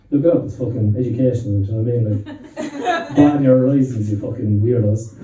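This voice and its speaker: A man's voice: medium pitch, mellow. Limerick man, crude stand-up in a pub. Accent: Limerick Irish. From Ireland. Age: 30s. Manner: crude, self-mocking banter with the crowd. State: slightly out of breath. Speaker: stand-up comedian. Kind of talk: stand-up comedy set. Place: pub stage with live audience. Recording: roomy pub sound from a distant mic.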